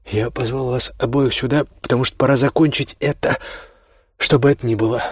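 A man voicing an easygoing young man who tries to calm two feuding brothers. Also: mid-range voice, a little fast, breathy edge, no room sound, clean studio sound, pitched above the performer's own voice, natural voice.

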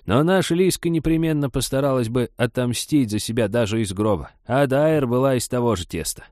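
A man's voice: mid-range voice, a little fast, a little mellow, no room sound, studio quality, pitched above the performer's own voice, lightly acted. A man voicing a bossy, nosy old village woman in an audiobook, talking in a pushy, scornful way.

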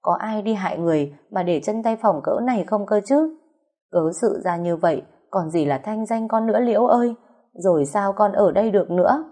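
A woman's voice: medium pitch, moderate pace, mellow, pitched above the performer's own voice, lightly acted. Woman putting on a wailing old nanny, southern vietnamese accent, over-the-top, sly. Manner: wailing, melodramatic exclamations. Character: scheming older nanny woman, shrill and theatrical.

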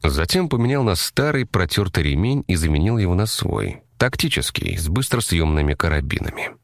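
A man narrates an audiobook with a very deep voice that rises and falls expressively. His measured, dramatic storytelling comes across close and dry, with no room sound. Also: no echo.

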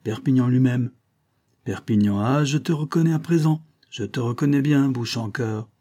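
A man voicing a defiant old male woodsman in an audiobook, speaking loudly and indignantly with a husky voice. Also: mid-range voice, normal speed, voice pushed up, close to an everyday voice. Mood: accusing. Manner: loud, indignant, rising to shouts.

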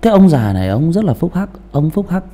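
A man's voice: on the high side, fast talker. A male audiobook narrator chatting casually about character voices, often restarting phrases and asking the listener questions. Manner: animated, repeats and restarts, asks listeners rhetorical questions.

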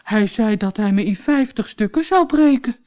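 A woman's voice: on the high side, lively intonation, moderate pace, warm tone, natural voice. A woman voicing a lazy young man, the eldest son, who whines and grumbles in a storybook reading. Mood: scared.

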